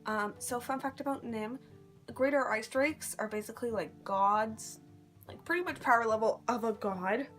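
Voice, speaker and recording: Female vlogger, higher register, informal and slangy rambling delivery, recorded on a handheld phone with music underneath. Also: moderate pace, fairly bright tone. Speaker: vlogger recounting a live-action role-play event. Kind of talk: casual chat. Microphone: phone at arm's length.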